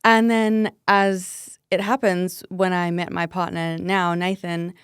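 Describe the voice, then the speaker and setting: Clear-voiced Australian woman, chatty. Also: fairly low pitch, level tone, slow, dry recording, studio quality. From Melbourne, Australia. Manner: chatty, open, uses 'like' often. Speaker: podcast guest. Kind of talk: casual interview chat.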